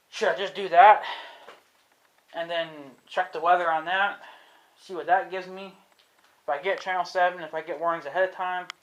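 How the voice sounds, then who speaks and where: This young man's voice is a little high and a bit bright, captured on a rough recording as he vlogs. Unsure and swearing without restraint, he muses in loose, rambling talk aimed at the camera.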